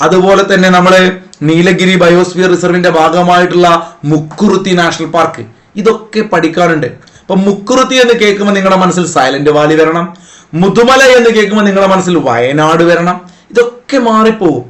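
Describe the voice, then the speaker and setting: A man teaching an online exam-prep lesson, coaxing students along with memory tricks and rhetorical questions. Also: sits high.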